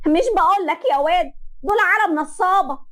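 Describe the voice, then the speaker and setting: A woman voicing a scheming, sharp-tongued older mother-in-law with an Egyptian accent, bossy and scornful. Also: very high voice, fast, voice pushed up.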